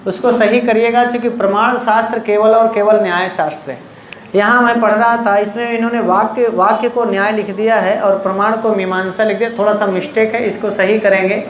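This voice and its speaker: A woman giving an unhurried, explanatory lecture as a literature teacher, repeating key terms and asking rhetorical questions. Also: medium pitch, a little hiss or hum. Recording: echoey room with faint ambience.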